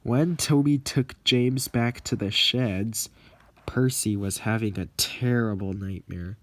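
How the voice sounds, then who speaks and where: A man narrating a homemade fan story aloud in a plain, unhurried way. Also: lowish voice, fairly bright tone.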